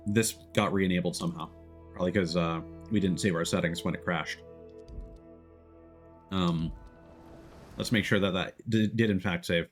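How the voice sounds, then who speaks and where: A man who livestreams as a VTuber chats casually over gameplay, wandering between his own thoughts and greetings to his viewers. His voice sits low with a fairly bright tone.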